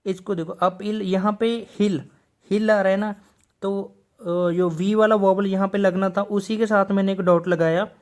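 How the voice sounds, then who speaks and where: A man's voice: high-pitched, steady tone, a little slow, a little mellow. A man teaching a shorthand video lesson. He explains patiently and says each example word twice.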